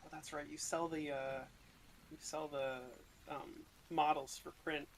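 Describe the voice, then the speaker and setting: A man chatting casually and a bit sarcastically while working in 3D software with others. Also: fairly high pitch, flat delivery, a little slow, slight background noise, rough recording. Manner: loose, offhand and a bit sarcastic. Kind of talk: casual chat among people sculpting in Blender.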